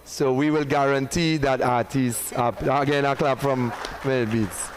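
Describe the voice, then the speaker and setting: A man's voice: mid-range voice, steady tone, a little slow, a little hiss or hum, low-quality recording. Trinidadian guy at a press conference, punchy announcements, banters with the room, a performer himself. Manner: emphatic, builds up reveals and banters with the room.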